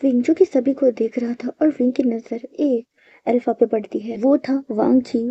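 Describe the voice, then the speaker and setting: A woman narrating a fan fiction story in a lively way, acting out the characters' dialogue herself. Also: high voice, breathy edge. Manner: lively, raises voice for quoted lines. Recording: dull lo-fi dry recording.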